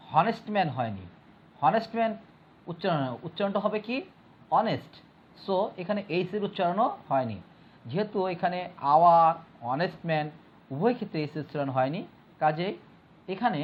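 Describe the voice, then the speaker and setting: A man's voice: a little high, animated, brisk, pauses often. Man teaching a patient grammar lesson. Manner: explains step by step, repeats points and asks the class questions. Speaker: school teacher. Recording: dull lo-fi recording with faint mains hum.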